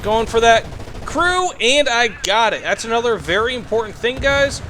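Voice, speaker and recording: A man chatting excitedly through a tank game match, giving tips to viewers and reacting to kills and close calls with lots of fillers. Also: extremely high pitch, moderate pace, slight background noise. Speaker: gaming commentator. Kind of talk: gameplay commentary with tips.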